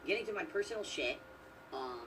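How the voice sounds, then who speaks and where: A man's voice: on the high side, expressive, brisk, distant mic, noisy background. A man streaming live, talking defensively. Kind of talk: livestream talk.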